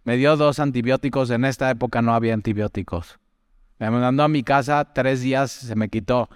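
A man gives a conversational Bible talk, often turning to the listener with questions and stories from his own life. His voice is smooth and clean, with a long trailing reverb behind it. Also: mid-range voice, steady tone, a little fast, clean studio sound. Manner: chatty, asks the listener direct questions, tells personal stories. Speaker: Bible teacher.

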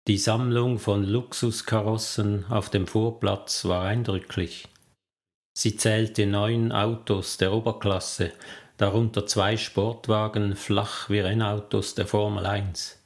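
A man narrating a story in a slow, unhurried tempo. His voice sits a little low, and his delivery is calm and measured, like an audiobook reader. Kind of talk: scripted narration.

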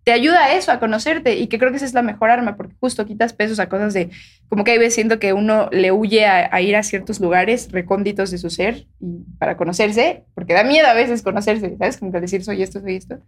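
Co-host: woman, brisk and reflective, supportive tone. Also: medium pitch. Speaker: podcast co-host. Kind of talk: casual chat.

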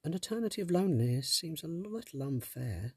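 A curious, earnest young girl, as a man puts her on, asks question after question in a lifted, breathy voice. It is recorded close and dry. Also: a little high, big pitch swings, brisk, darkish tone, dry recording, voice pushed up, full character voice. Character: curious young girl who wants to be a doctor.

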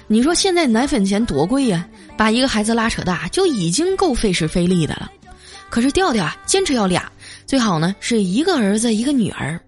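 A woman tells comic stories in a chatty style, stretching out her sentence particles. Her voice is fairly high and very animated in pitch. Faint music runs underneath. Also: a little fast. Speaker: streamer. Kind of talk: comic storytelling.

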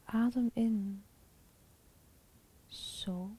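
A woman guiding a chakra meditation in a soft, calm, half-whispered spa-like voice with long pauses. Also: a little high, slightly rough, rough recording. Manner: slow, calm, soothing, with pauses. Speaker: meditation guide.

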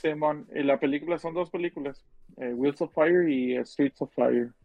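A podcast co-host with a northern Mexican accent chats in slang about films and music, rambling and repeating phrases. His voice sits on the high side with some vocal fry at a normal speed, and the echo-free recording has its highs cut off.

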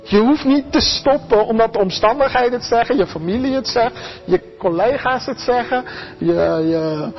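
An earnest preacher delivers a sermon straight to the listeners, at an everyday middle pitch, often doubling back on a word before pushing on. The recording is slightly muffled and lacks sparkle. Quiet music sits faintly in the background. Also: normal speed, long reverb tail. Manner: earnest, addresses the congregation directly, acts out quoted voices; repeats and restarts words.

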